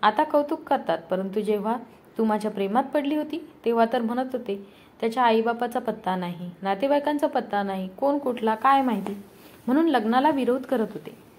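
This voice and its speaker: A woman's voice: fairly high pitch, brisk, darkish tone, close to an everyday voice. A woman reading a guarded young husband. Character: young Indian husband, successful, guarded about his past.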